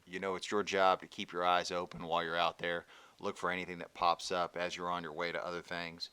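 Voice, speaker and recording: A man narrating as game master of a tabletop game, rambling in a relaxed way with fillers. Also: deep voice, a little fast, clear, resonant tone, no room sound.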